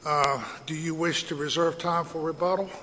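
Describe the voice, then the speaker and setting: A man with a bright, forceful, slightly high voice presides as a judge. He speaks in a formal, halting way, in a reverberant room. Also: steady tone. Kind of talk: formal courtroom questioning. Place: courtroom. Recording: echoey hall with faint noise.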